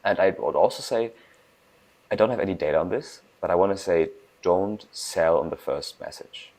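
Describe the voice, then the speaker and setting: A young man from Germany, a startup founder giving casual interview answers, talking fast with restarts and emphasis. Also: low voice, a little mellow, low-quality recording. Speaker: guest, food startup founder.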